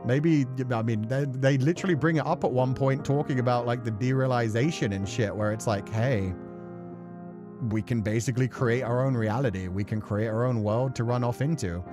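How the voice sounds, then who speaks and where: At a normal speed and in a mid-range voice, a man chats casually on a livestream with music playing, reading and answering comments from viewers. He's a streamer and voice actor known for visual novels, and his talk is rambling and thoughtful with the odd swear word.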